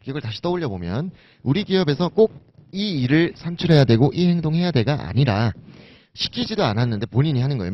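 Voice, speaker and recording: A man's voice: mid-range voice, a little hiss or hum. A man teaching an exam-prep lecture, casually asking and answering his own questions. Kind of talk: recorded lecture. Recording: dull lo-fi recording.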